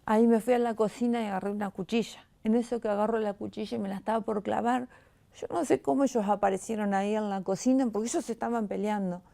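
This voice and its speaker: Gravelly middle-aged woman, Rioplatense accent. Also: medium pitch, steady tone, dark tone. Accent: Rioplatense Spanish. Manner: halting, with many restarts. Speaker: guest giving testimony. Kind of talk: emotional personal testimony.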